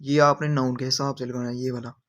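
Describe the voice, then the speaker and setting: A man's voice: medium pitch, little pitch movement, fast talker, muffled recording. A man teaching grammar in a video lesson, patiently repeating each example sentence. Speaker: language teacher.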